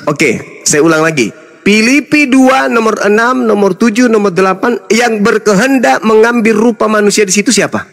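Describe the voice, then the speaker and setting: A man's voice: high voice, normal speed, a bit bright. A man, an Islamic preacher, in a heated interfaith debate, lecturing insistently and talking over the other man.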